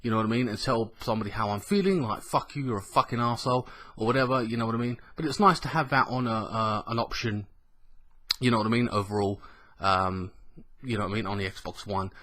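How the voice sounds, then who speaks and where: A man with a slightly croaky, under-the-weather voice, hosting a casual gaming news vlog in a rambling, colloquial, sweary way. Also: fairly low pitch, quick pace, fairly bright tone. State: ill with a cough. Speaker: gaming news show host.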